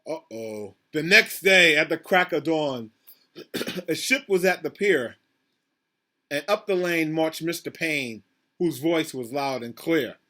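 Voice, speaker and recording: Reading a picture book to a group of children, this principal speaks slowly in a high-ish voice that sounds pushed and bright, with lively intonation. He breaks off for asides, addresses the children directly, asks them things, and repeats himself.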